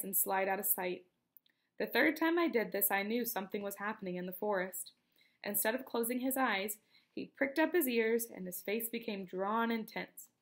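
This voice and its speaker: Gravelly woman reading a novel aloud. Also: medium pitch. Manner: steady, unhurried storytelling with asides. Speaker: reader.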